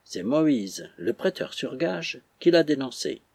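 A man reading an audiobook, voicing an indignant, blustering captain who accuses and bullies in a husky voice. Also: mid-range voice, very animated, slow, a little mellow, dry recording, full character voice. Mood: gruff. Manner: accusing, bullying.

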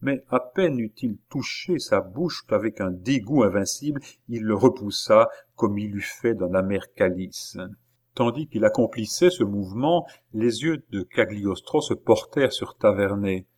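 A man reading a classic novel aloud in measured, even narration. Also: on the low side. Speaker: audiobook narrator.

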